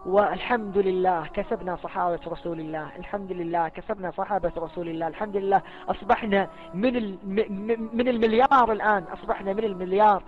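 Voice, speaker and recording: High-pitched, rapid, impassioned man. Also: fairly even intonation, faint music behind. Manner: emphatic, repeats oaths and phrases, stumbles and restarts. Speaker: speaker giving a personal religious testimony. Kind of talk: impassioned spoken appeal. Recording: lo-fi, muffled recording.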